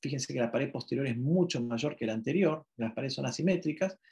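A man's voice: medium pitch, fairly quick, vocal fry, dark tone. A man from Argentina giving a medical ultrasound lecture, explaining step by step with frequent checking questions and self-corrections.

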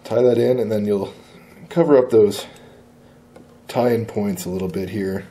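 A man demonstrating fly tying at a shop bench. He talks in a relaxed, plain-spoken way and often says uh. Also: fairly low pitch.

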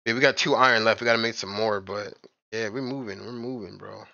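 A young man talks fast in a lowish, steady voice that's gravelly, pushed, and bright; the audio is dull with no room sound. Chatting casually with friends on a game stream, he rambles with heavy filler, saying "bro" and "like" a lot.

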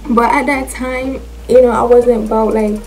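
A woman's voice: a little high, fairly even intonation, moderate pace, a little mellow, faint music behind, poor audio. A young woman with a Jamaican accent chatting casually and playfully to camera, using slang as she answers questions about herself. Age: young adult.

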